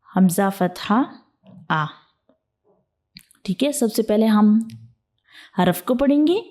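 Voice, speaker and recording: Woman, patient step-by-step lesson, mellow warm tone, repeats and checks in often, English words mixed in. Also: medium pitch. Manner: patient, repetitive explaining with frequent "theek hai" check-ins; mixes English words into Urdu teaching talk. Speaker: Quran reading teacher.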